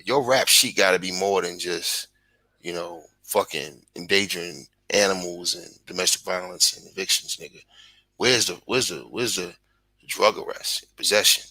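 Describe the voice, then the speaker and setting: A man's voice: low-pitched, normal speed, pushed and bright, no room sound, rough recording. A man in his forties from Brooklyn with a Brooklyn accent, a guest on a video call, talking bluntly and profanely in casual chat. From Brooklyn, New York.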